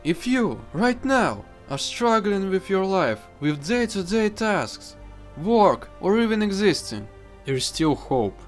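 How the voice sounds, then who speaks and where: A man's voice: high voice, sing-song, slow pace, faint music behind. Earnest young man. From Kazakhstan. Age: 20s. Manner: earnest, heartfelt, reads from a script. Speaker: vlogger. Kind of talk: scripted personal vlog narration.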